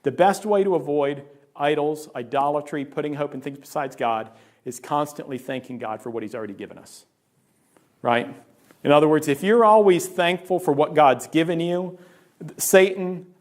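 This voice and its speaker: A middle-aged male pastor preaching in a church, his voice a little higher than most men's. He talks to the congregation like a conversation and keeps asking "right?" Now and then he acts out someone's worried inner voice with sudden high jumps in pitch. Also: normal speed. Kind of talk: sermon.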